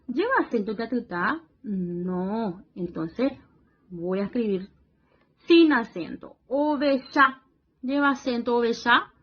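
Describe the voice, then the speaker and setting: A woman teacher with a fairly high voice talks very slowly and patiently, as if to small children. She keeps offering praise and checking that they follow. The recording sounds dull and lo-fi. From Paraguay region. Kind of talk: worksheet lesson for young children.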